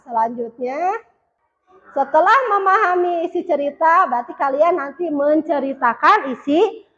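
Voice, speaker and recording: A woman's voice: sits high, lively intonation, normal speed, fairly bright tone, highs cut off. A woman teacher leading a classroom lesson, asking the pupils questions and repeating their answers.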